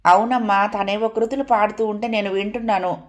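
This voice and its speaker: A woman's voice: medium pitch, fairly even intonation, brisk, close to an everyday voice. A woman doing an anxious, caring young daughter. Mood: worried. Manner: worried, questioning.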